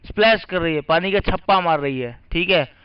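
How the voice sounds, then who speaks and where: A man with a smooth, somewhat high voice gives an English vocabulary lesson at a fairly quick pace. He spells words letter by letter and asks questions only to answer them himself. The recording is muffled and lo-fi.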